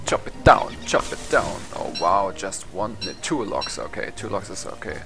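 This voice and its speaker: Deep-voiced, creaky and very animated, a young German-accented man talks at normal speed through a casual let's play, rambling, swearing and laughing at himself in his non-native English. Game music sits behind his voice.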